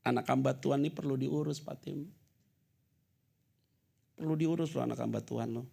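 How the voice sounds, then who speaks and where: A middle-aged male pastor preaching at a church service, moving between loud, high-pitched emphasis and quiet, low, fatherly asides, with casual slang mixed in. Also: normal speed, creaky, husky. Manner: mixes casual slang and English words into his talk. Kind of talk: sermon.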